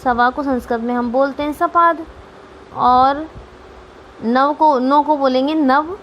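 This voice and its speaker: A woman's voice: high-pitched, steady tone, takes it slowly, muffled recording, a little hiss or hum. A woman teacher giving a Sanskrit grammar lesson to students, patient, repeating each term and checking that they understand.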